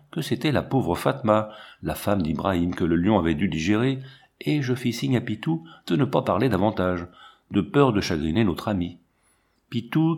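A man narrating a classic adventure story in a lively, expressive reading style. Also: fairly low pitch, creaky. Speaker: audiobook narrator.

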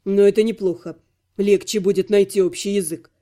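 High, mellow-voiced man narrating wryly. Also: fairly even intonation, brisk. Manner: wry, self-ironic storytelling. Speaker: audiobook narrator. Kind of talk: first-person audiobook narration.

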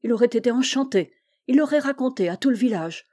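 Brief: snooty spoiled girl, raised and sharp, mellow tone underneath, read by a woman. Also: on the high side, expressive, brisk, voice pushed up. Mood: resentful. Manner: disdainful, sharp, petulant. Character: haughty proud young noble girl.

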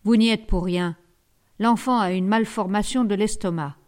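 A woman reading the lines of a gruff, suspicious hospital midwife in a storybook, curt and reproachful. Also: medium pitch, normal speed, a little mellow, close to an everyday voice.

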